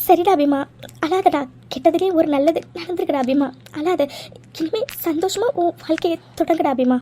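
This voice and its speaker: A woman's voice: very high-pitched, normal speed, mellow. A woman voicing a middle-aged mother who soothes and apologises to her daughter in a cartoon drama. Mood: soothing. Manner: soothing, anxious. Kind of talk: cartoon voice acting.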